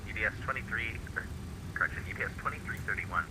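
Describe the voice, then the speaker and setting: Fast low-voiced male air traffic controller, noisy radio. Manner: clipped procedural phrasing. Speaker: air traffic controller in an online flight simulation. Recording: loud radio background noise.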